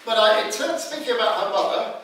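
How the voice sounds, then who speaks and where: A middle-aged man gives a humorous father of the bride speech in a halting, joking way, talking directly to his audience. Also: extremely high pitch. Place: live wedding reception before an audience. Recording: echoey noisy room, distant microphone.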